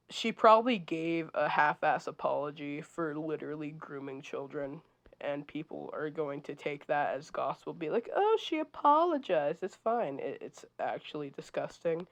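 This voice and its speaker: A woman talks casually while drawing, her voice stuffy and nasal from a cold. She rambles and halts, sometimes sinking almost to a whisper, and her pitch sits somewhat low. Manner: rambling, halting, drops to near-whispers. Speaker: digital artist.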